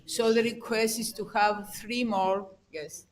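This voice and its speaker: Woman moderator, mid pitch, hesitant apologetic time announcement. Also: fairly even intonation, slow pace. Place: conference hall.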